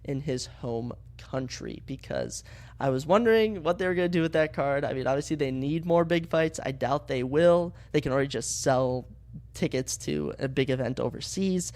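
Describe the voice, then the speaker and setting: A young Minnesota man with a slightly higher, somewhat mellow voice hosts his own casual solo sports podcast at a normal pace. He rambles and talks a lot, full of fillers and restarts. A head cold has stuffed up his nose, so every line sounds blocked and congested.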